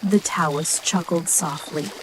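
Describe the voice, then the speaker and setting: A woman narrates a bedtime story in a slow, measured whisper, in an ASMR style. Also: fairly low pitch, background noise.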